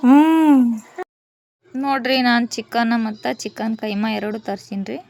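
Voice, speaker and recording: A woman's voice: fairly high pitch, steady tone, normal speed, vocal fry. A woman, chatting casually to viewers as she cooks at home for her vlog. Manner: chatty, addresses viewers politely with frequent "ri". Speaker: vlogger.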